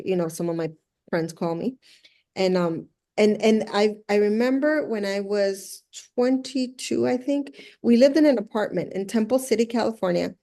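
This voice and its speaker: This middle-aged Salvadoran woman, who moved to the US at six, has a warm, mid-range voice. Appearing as an interview guest, the luxury house flipper earnestly tells her story in a conversational style.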